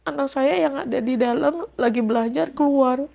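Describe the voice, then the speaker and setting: High-voiced woman telling her story. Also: moderate pace, vocal fry, highs cut off. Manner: recounts events with quoted dialogue, animated. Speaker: interviewee. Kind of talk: emotional personal testimony.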